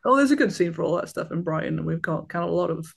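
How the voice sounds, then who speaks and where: A man's voice: a little high, lively intonation, racing, vocal fry, fairly bright tone, husky. A man in his thirties, chatting casually as a guest and rambling with fillers and restarts. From Wales. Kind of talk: casual conversation.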